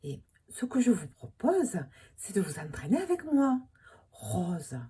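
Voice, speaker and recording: A woman's voice: on the high side, sing-song, moderate pace, mellow, slight background noise. A woman from Toulouse with a Toulouse accent, talking alone in a humorous, ironic monologue with whispered asides. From Toulouse, France. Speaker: vlogger.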